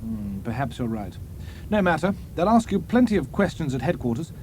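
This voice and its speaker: A man's voice: a little high, very animated, fairly quick, a little mellow, slight background noise, voice pushed up. A man voicing a sunburnt young British army officer who questions a prisoner in a curt, commanding way. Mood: stern.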